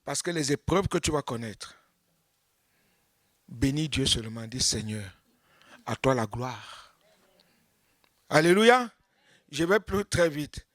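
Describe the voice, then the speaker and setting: A man preaching a sermon as pastor, acting out little scenes of churchgoers and swinging from loud exclamations to hushed tones. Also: on the high side, dry recording, studio quality.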